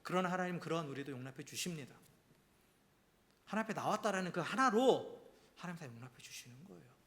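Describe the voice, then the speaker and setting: A man's voice: a little high, lively intonation, fast talker. A man preaching a Sunday sermon in church, talking conversationally and often checking in with his congregation. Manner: swings between emphatic and hushed, near-whispered delivery. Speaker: pastor. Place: church during a Sunday service.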